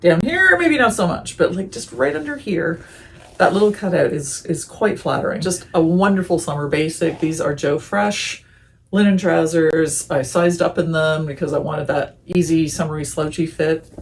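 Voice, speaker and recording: A woman's voice: low voice, moderate pace. A woman vlogger chatting casually and enthusiastically as she sorts her summer clothes. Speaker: fashion vlogger. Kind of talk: casual chat.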